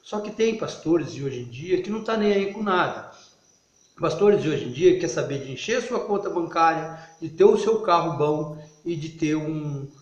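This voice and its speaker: A man giving an informal video sermon, halting and restarting often, then rising into loud, emphatic bursts. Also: on the high side. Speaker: lay preacher. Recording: echoey, muffled recording.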